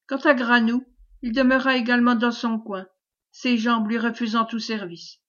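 A woman reading a classic novel aloud as audiobook narrator, in a steady, clear storytelling manner. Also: a little high, normal speed, highs cut off. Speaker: audiobook reader.

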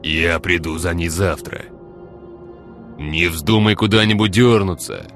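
A man voicing a calculating gang boss who speaks in a slow, measured, menacing drawl. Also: sits low, fairly even intonation, fairly bright tone, faint music behind. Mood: cold.

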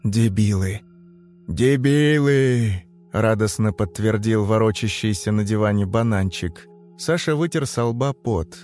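A man giving a scripted, grim, measured narration of a dark story. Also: on the low side. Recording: faint music under the voice.

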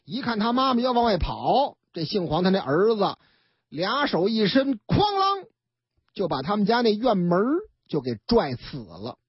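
Lively Beijing-accented radio storyteller. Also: male voice, high voice, normal speed, breathy edge, no echo. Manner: chatty, acts out every character. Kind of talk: colloquial crime story narration. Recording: dull lo-fi radio broadcast, dry.

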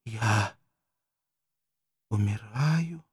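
A man reading an audiobook, voicing a dying wounded warrior who speaks in a weak, faltering, breathy voice. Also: lowish voice, animated, extremely slow, dry recording, clean studio sound, full character voice. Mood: faint tender.

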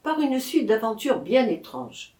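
A woman's voice: fairly high pitch, very animated, unhurried, mellow. A woman reader voicing a timid, lovesick young abbé who speaks humbly and mournfully, in an echoey room. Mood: wistful.

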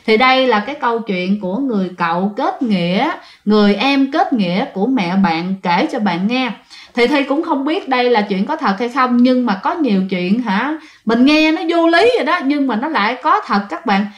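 A woman's voice: fairly high pitch, lively intonation, normal speed, reverberant. A woman with a Southern Vietnamese accent, telling ghost stories in a chatty way and speaking straight to her listeners. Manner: chatty, addresses listeners directly. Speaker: ghost story narrator. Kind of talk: casual spoken storytelling.

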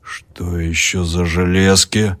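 A man voicing a rough coachman who jeers and shouts in a loud, mocking way. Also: low voice, little pitch movement, slow pace.

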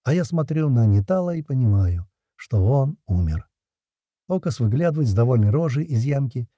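A man narrating a first-person audiobook in a dark, mellow, husky voice. The sound is close and dry. His telling is gritty and tense. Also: medium pitch, very animated, normal speed, no room sound.

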